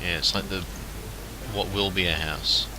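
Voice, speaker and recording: A man chatting casually while gaming, joking in a deadpan way and swearing freely. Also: low voice, normal speed, a crowd in the background. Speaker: gamer. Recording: noisy home recording.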